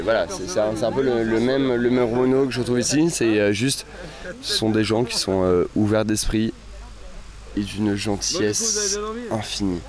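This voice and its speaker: Hesitant low-voiced man amid crowd noise. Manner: hesitant, searching for words, repeats himself. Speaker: festival-goer being interviewed. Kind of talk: casual reflective interview. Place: outdoors at a festival. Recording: outdoors with clear crowd noise.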